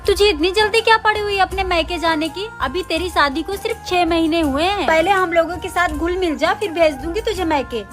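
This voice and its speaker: A woman's voice: very high-pitched, brisk, hardly any pauses. A woman playing a mother-in-law who is fond of her daughter-in-law but keeps charge of the house. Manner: fond and gently bossy. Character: affectionate older mother-in-law. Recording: faint music behind.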